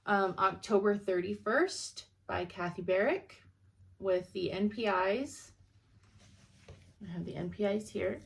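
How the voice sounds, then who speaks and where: A woman's voice: mid-range voice, takes it slowly, vocal fry, husky. Young woman, casual chat, rambling, sleepy, laughs often, at home. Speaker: cross-stitch vlogger.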